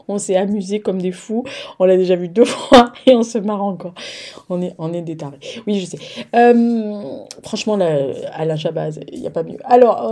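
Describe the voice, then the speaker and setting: A woman presenting a music show with a mellow, warm voice, chatting casually between tracks. She rambles through fillers and asides and teases an off-mic partner as she talks. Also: mid-range voice. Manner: teasing banter with an off-mic partner.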